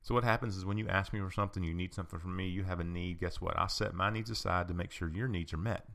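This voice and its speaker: A man giving an informal talk on personal boundaries, explaining patiently with rhetorical questions, frequent ums and an occasional cleared throat. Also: low voice, steady tone, fast talker, a bit bright. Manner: clears his throat often.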